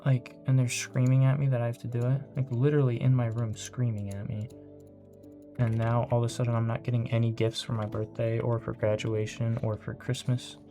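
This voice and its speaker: A teenage boy venting in a personal vlog, rambling and frustrated, swearing often and trailing off softly at times. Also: mid-range voice, flat delivery, brisk, soft background music. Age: teens. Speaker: vlogger.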